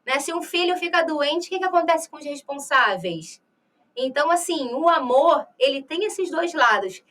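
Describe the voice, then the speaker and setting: A woman's voice: high-pitched, expressive, fairly bright tone, distant mic. A Brazilian woman teacher with a Rio de Janeiro accent, explaining poetry in a recorded lesson and often checking in with "né?" and "tá?". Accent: Rio de Janeiro Portuguese. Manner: explanatory, asks rhetorical questions, frequent "né?" and "tá?"; slow, drawn-out reading of verses. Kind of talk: recorded exam-prep lecture.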